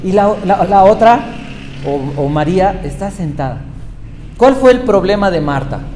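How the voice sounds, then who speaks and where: A man's voice: high voice, animated, a little slow, mellow. A male pastor giving a sermon, retelling Bible stories and putting questions to his listeners. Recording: echoey hall with faint noise.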